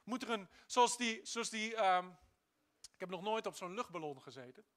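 A man preaching a sermon with animated delivery, calling on the congregation to respond and swinging between soft and loud. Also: high-pitched, normal speed.

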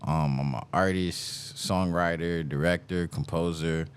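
A man's voice: deep voice, fairly even intonation, a little slow, clean tone. A man in his thirties from South Florida, a musician guest talking casually in an interview, laid-back and given to repeating himself.

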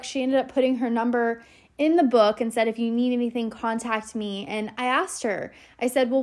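A woman with a somewhat high voice tells her viewers a story in a casual vlog. She talks in a chatty, quick way, full of fillers and asides, and speaks to the audience directly. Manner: chatty, fast, with many "like" and "you know" fillers. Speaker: salon worker.

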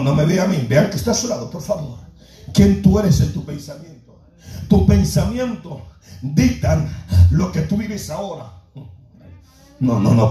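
A man with a very high, mellow voice preaches a fervent Pentecostal sermon, shouting and half-singing his lines and breaking into ecstatic exclamations. He is heard from some distance in an echoey church sanctuary, with music playing underneath. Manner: tongues-like exclamations.

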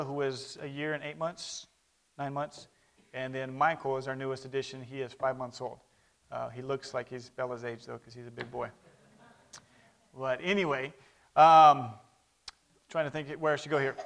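Reporting on his mission work to a church, a Brazilian-raised man in his thirties, whose first language is Portuguese, keeps things conversational and calls for amens. He speaks at a moderate pace with medium pitch, fairly even intonation, and a slightly bright sound.

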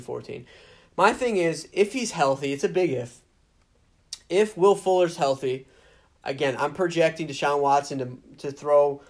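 A man co-hosting a casual fantasy football chat, reeling off stats with fillers and restarts. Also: fairly high pitch. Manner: stat-heavy, upbeat, with fillers and restarts. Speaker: podcast co-host.

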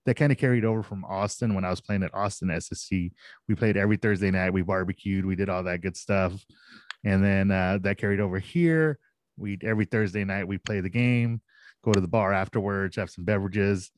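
In a dry recording, a low-pitched man in his forties speaks briskly. He directs operations for a sports league and comes across as easygoing and self-deprecating in this casual interview, laughing frequently.

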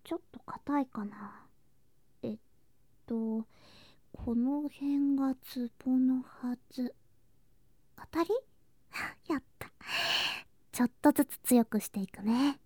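Slow and full of pauses, this high-voiced woman plays an affectionate younger girl cousin in an ASMR voice drama directed at the listener. Her manner is soft, sweet, and coaxing, caring in mood and sliding into whispers and singsong. No room sound can be heard.

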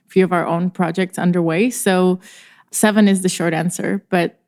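A woman's voice: fairly low pitch, fairly even intonation, normal speed, a little mellow. A woman entrepreneur from the former Soviet Union, answering podcast interview questions in a thoughtful way, often restarting her phrases. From former Soviet Union, Czech. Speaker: entrepreneur guest.

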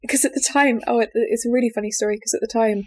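A woman's voice: a little high, steady tone, very fast, darkish tone, a little hiss or hum. A young woman co-hosting a casual chat, telling stories and laughing often. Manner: chatty, laughs often, acts out quoted family members. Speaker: podcast co-host.

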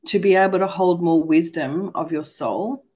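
A middle-aged woman from Australia talks as a podcast guest in a low-set voice. She is animated and acts out her inner dialogue in little voices. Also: moderate pace, husky. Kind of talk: casual spiritual chat.

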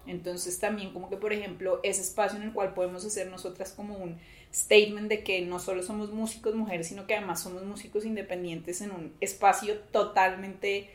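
A woman's voice: mid-range voice, flat delivery, brisk. A woman with a Colombian accent talking reflectively in an interview, explaining things in long, articulate sentences. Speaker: musician in a women's collective. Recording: echoey, reverberant room.

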